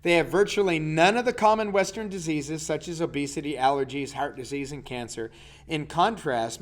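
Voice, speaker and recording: A man, teaching a casual health lesson as a coach and putting questions to his listeners. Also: a little high. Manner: chatty, asks the listener questions.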